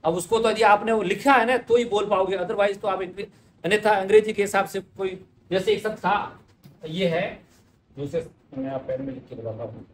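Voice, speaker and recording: A man's voice: high voice, normal speed. A man teaching Hindi spelling in a conversational way, repeating each word as he writes it out on a board. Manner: conversational, repeats words while writing. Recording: echoey room with faint ambient noise.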